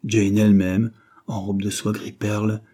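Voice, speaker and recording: Low husky male audiobook narrator. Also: little pitch movement, unhurried, dark tone. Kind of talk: scripted narration.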